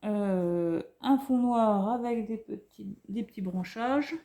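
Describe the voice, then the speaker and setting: A woman's voice: mid-range voice, slow. A French woman showing craft paper pads at home, chatting in a rambling, gushing way with many fillers and restarts. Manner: softly gushing over cute items. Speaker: craft vlogger showing a haul. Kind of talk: casual haul commentary. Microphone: camera on a tripod.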